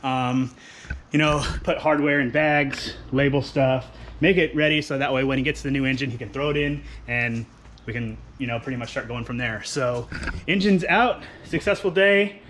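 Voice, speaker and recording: A man casually talking through his car project in a relaxed, rambling way, outdoors at home. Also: medium pitch, moderate pace, slight background noise. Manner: relaxed, rambling, filler-heavy. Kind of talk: casual talk-through while wrenching.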